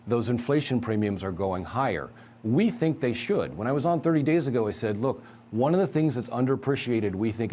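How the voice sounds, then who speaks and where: A man giving a measured, analytical market view as a guest in a financial news interview. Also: medium pitch, warm tone, slight background noise. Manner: measured, analytical, emphatic asides.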